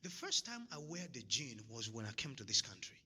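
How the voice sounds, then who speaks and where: Husky and sharp, with a mid-range pitch, a Zambian motivational speaker talks to an audience very animatedly and fairly quickly. He stresses and repeats his central points and often chuckles at his own jokes. Long hall reverb surrounds him.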